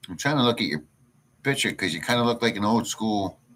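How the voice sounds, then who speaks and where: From his home in a rural province, a livestream host with a fairly low, fairly bright voice speaks fairly quickly with lively intonation. He rants crudely and bluntly, meandering as he handles chat messages.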